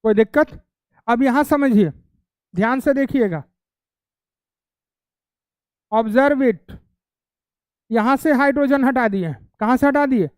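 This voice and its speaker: A man's voice: very high voice, a little slow, pauses often, clean tone, no echo. A male chemistry teacher giving a classroom lecture, constantly quizzing students, repeating their answers back and teasing them playfully.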